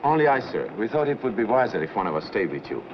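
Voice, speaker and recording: An actor playing a courteous, formal European man in a 1940s film, polite and smooth-mannered. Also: fairly low pitch, big pitch swings, quick pace. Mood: courteous, persuasive. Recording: muffled, noisy old film soundtrack.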